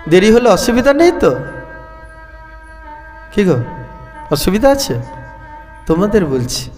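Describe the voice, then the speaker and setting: A man's voice: high voice, sing-song, measured pace, a little mellow, long reverb tail, faint music behind. A male scripture reader with a West Bengal accent, telling a devotional story with feeling and speaking directly to his listeners. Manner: emotive, addresses listeners directly.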